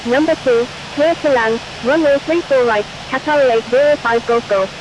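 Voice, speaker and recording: A woman's voice: moderate pace, lightly acted. A woman voicing a formal airline pilot in a flight simulator, giving clipped, procedural headset readbacks. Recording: clear steady hiss and rumble.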